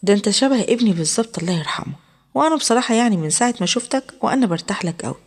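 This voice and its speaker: A woman's voice: mid-range voice, animated, very fast, slightly rough. A woman with an Egyptian accent voicing an insistent, coaxing woman doctor in her fifties. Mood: reassuring. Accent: Egyptian Arabic.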